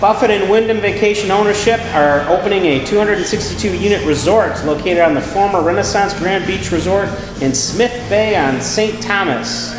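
A man with a slightly high voice co-hosts a casual podcast. The room rings like an echoey hallway, and music plays loudly behind him. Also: normal speed, few pauses. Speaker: podcast co-host. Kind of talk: casual podcast chat and news read-outs.

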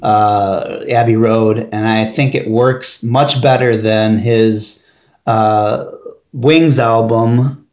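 A man's voice: lowish voice, fairly even intonation, drawn-out words, a little mellow, echoey room, lo-fi sound. A man co-hosting a casual album review chat, enthusiastic and steering the track-by-track talk. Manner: enthusiastic, leads the track order and asks his partner's view. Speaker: podcast co-host reviewing an album.

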